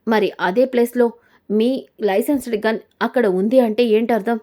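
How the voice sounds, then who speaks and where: Furious betrayed mother, harsh scolding, put on by a woman narrator, fairly high. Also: steady tone, normal speed, mellow, lightly acted.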